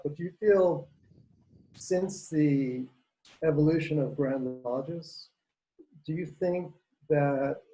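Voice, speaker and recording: A man from Costa Rica with a mellow, warm voice asks a question over a video call. He speaks earnestly and haltingly, searching for his words. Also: mid-range voice, low-quality recording. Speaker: audience member asking a question.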